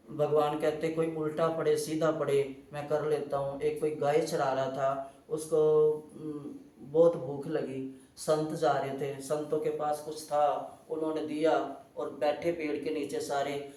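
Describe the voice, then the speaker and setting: A man giving an animated devotional talk, telling stories full of quoted voices. His voice sits a little high and is heard from a distant mic in a roomy hall. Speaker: devotional speaker. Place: hall at a festival gathering.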